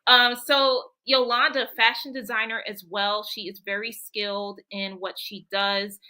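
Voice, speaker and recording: A woman's voice: medium pitch, little pitch movement, a little slow, pushed and bright, smooth. A woman moderating a livestream panel as host, speaking in an effusive, encouraging way.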